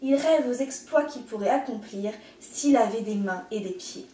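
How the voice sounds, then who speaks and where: A woman teacher reading a picture book aloud in an expressive, gentle storytelling manner, in an echoey room. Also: fairly high pitch, moderate pace, recorded from a distance, a little hiss or hum.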